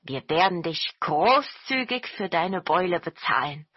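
A woman voicing a crowd of eager, flattering horned goblins in a storybook reading, with a high, loud, coaxing manner. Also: unhurried, breathy edge, no echo, dull audio, exaggerated voice.

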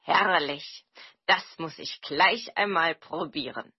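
A woman's voice: deep voice, slow pace, lo-fi sound, slight background noise. A woman voicing a forgetful, kindly male goblin spirit in a storybook reading, with a cheerful, absent-minded manner.

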